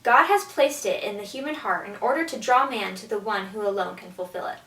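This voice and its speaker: A woman's voice: mid-range voice, fairly quick, fairly bright tone. A young woman co-hosting a casual scripted video in a bubbly, enthusiastic way. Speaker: co-host. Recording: echoey room, mic at a distance.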